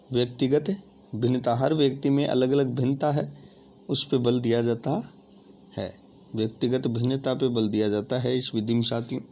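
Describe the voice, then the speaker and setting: Hindi-speaking male teacher, lo-fi audio. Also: medium pitch. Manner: addresses listeners as friends, asks and answers his own questions. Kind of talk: exam-prep lecture. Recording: dull lo-fi audio with faint noise.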